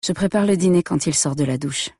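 A woman narrating a first-person story in a quiet, intimate way. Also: low-pitched, a little fast, slightly rough, no echo, clean studio sound.

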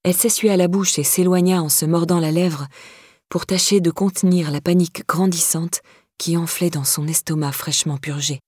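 A woman reading a novel aloud in an even, measured manner, close to the microphone. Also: on the low side, breathy edge, no echo. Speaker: audiobook narrator. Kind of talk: scripted narration.

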